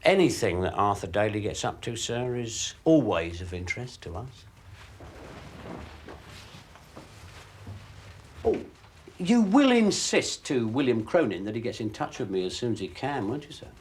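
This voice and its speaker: An actor playing a suspicious police sergeant in a TV drama, probing and drily polite. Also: male voice, mid-range voice, very animated, normal speed, a little hiss or hum, close to an everyday voice. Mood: sceptical, insistent.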